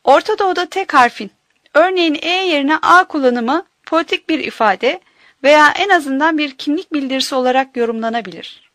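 A woman narrating an audiobook in a measured, careful way, minding each pronunciation. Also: high voice, a bit bright, no echo.

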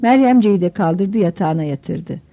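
A woman narrating a novel in measured storytelling, giving the characters voices. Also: on the low side, lively intonation. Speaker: audiobook narrator. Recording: dull lo-fi audiobook recording.

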